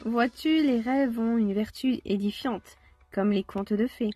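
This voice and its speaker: A woman's voice: on the high side, a little slow, mellow, no echo. A woman voicing a mysterious fairy aunt with a wand, who speaks in lofty, sage-like phrases. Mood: sagely.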